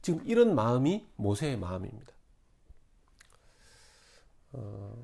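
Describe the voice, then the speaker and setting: Animated preaching middle-aged man. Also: mid-range voice, creaky. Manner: conversational preaching with dramatized quotes. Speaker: pastor. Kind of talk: sermon.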